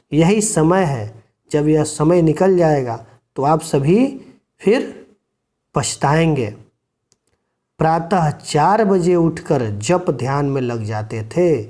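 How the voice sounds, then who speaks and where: A man's voice: a little high, warm tone. A man teaching a school Hindi lesson, reading a passage aloud and then explaining it line by line while urging his students on. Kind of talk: classroom lesson explaining a textbook chapter.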